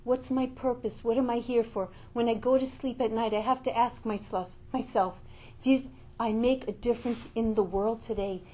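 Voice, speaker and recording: Middle-aged woman, religious speaker, a touch high-pitched, fervent and then hushed in turn. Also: steady tone, slightly rough, poor audio. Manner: impassioned, swings from loud calls to hushed, slow reflection. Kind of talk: inspirational Torah talk.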